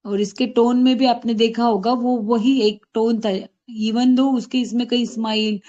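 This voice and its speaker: A fairly high, mellow-toned woman from Maharashtra talks through a patient case as a homeopathic doctor. Her delivery is thoughtful and explanatory, with frequent self-corrections. The audio is dull and lo-fi, like an online call. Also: fairly even intonation, unhurried. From Maharashtra, India.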